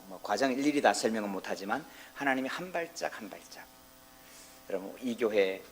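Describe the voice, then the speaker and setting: A man's voice: on the low side, a little hiss or hum. A male pastor giving a sermon in a chatty, storytelling way, often turning to the congregation with a touch of humor.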